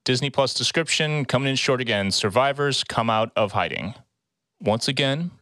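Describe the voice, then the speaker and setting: A man's voice: medium pitch, expressive, moderate pace, sharp tone, no room sound, clean studio sound. A man speaking as a podcast host, with upbeat announcements and casual chat.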